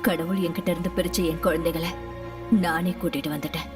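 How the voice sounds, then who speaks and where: An actress playing a grieving mother haunted by her dead children, speaking calmly and cryptically in a film. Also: deep voice, quick pace, over music, lightly acted. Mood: cryptic. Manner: calm, cryptic, intense. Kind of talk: film dialogue. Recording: distant mic under film score.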